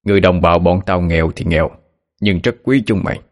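Man doing a gruff old village healer. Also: deep voice, fast talker, lightly acted. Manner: gruff, plain-spoken. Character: gruff older village healer, blunt but kind.

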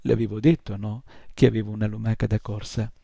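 A tiny male creature from a storybook speaks politely and with a little self-importance, as a man voices him. The voice is dark and gravelly. It sounds dry and close. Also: on the low side, flat delivery, brisk, dry recording. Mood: polite, earnest.

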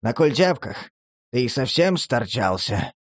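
A man voicing a wary, bewildered homeless man in a horror audiobook, speaking in a low, subdued, hesitant way. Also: sing-song, takes it slowly, slightly rough, no room sound, studio quality, exaggerated voice. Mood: irritated.

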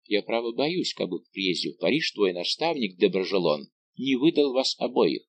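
A man voicing a scheming young nobleman who taunts and quickly flares into anger. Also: lowish voice, very animated, no echo. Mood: insinuating. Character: scheming young nobleman, mocking and hot-tempered.

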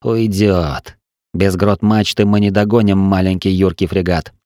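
A man narrating a first-person adventure audiobook in a steady, dramatic storytelling manner. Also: sits low, measured pace, no echo, studio quality.

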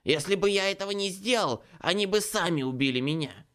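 A man's voice: high-pitched, lively intonation, fairly quick, fairly bright tone, pitched above the performer's own voice. A man voicing a bearded, cowardly male changeling who pleads frantically in an audiobook. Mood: panicked. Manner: pleading, frantic, near sobbing. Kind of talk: audiobook character voice.

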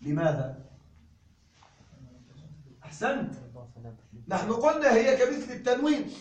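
A man teaching grammar in a classroom lecture, slowing down to stress examples and often asking if students follow. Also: very high voice, big pitch swings. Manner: slow emphatic dictation of examples, checking understanding. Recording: echoey room recorded from a distance.

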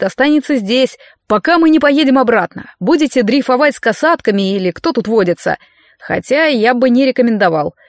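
A woman's voice: on the high side, no echo, studio quality, natural voice. A woman voicing a sarcastic stern male mentor. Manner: mocking, barking orders. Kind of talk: audiobook character voice.

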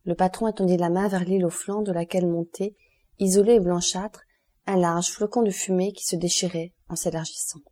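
A woman narrating a classic novel as an audiobook, in a steady, even reading manner. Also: on the low side, fairly quick. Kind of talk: scripted literary narration.

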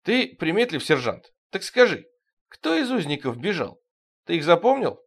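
A man voicing a calm, sly count advising a king in an audiobook. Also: fairly high pitch, normal speed, voice pushed up. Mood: dry.

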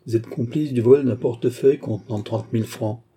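A man doing a small cold fake doctor, curt and menacing, husky voice. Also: mid-range voice, fairly even intonation, fairly quick, warm tone. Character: small, cold false doctor, a sneering henchman.

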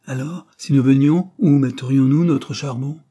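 A man's voice: mid-range voice, moderate pace, warm tone, slightly rough, voice pushed up, natural voice. A man reading aloud voices a domineering, scolding middle-aged maidservant woman in a storybook. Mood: grumbling.

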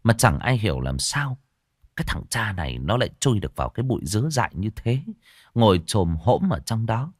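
A man narrating a ghost story in a lively, expressive way. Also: fairly low pitch, fairly quick, dry recording, studio quality.

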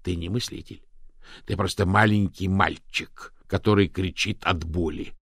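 A man's voice: deep voice, fairly even intonation, unhurried, vocal fry, a bit bright, slightly rough, no echo, studio quality, full character voice. A man doing a scornful old priest. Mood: mocking. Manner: preaching, mocking.

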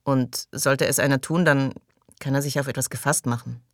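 An awkward newcomer caught off guard, as a woman narrator puts him on, his replies hesitant and bewildered. Low and dry, close to the reader's own deep voice, told as an audiobook part. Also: fairly even intonation, normal speed, no room sound. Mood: defensive. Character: flustered, awkward newly arrived man. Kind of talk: audiobook reading.

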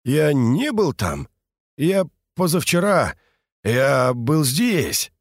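A man voicing a listless, withdrawn house spirit who speaks quietly, in an audiobook. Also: fairly high pitch, very animated, extremely slow, dry recording, clean studio sound, pitched above the performer's own voice, full character voice.

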